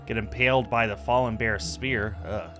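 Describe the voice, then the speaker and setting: His voice sits lowish, steady and fairly bright, at a moderate pace. This man in his thirties is a streamer and host offering relaxed game commentary and reading on-screen text aloud, indoors at his streaming setup with music playing.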